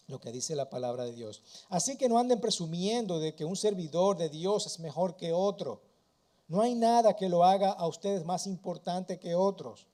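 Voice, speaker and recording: Emphatic pastor, higher voice. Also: male voice, dark tone. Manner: emphatic preaching, rhetorical questions and "¿verdad?" tags; reads scripture aloud with rising force. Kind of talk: sermon.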